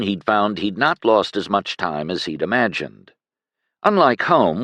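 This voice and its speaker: A man reads a fantasy novel aloud in a very low voice that swings widely in pitch. His storytelling is expressive, and the recording is close and dry. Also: dry recording. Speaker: audiobook narrator. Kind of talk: scripted fantasy narration.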